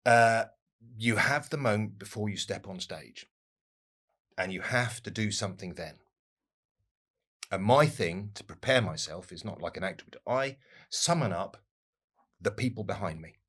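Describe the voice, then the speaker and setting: A man guest on a podcast, telling a story in a casual, slow-building way. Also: fairly low pitch, expressive, a bit bright.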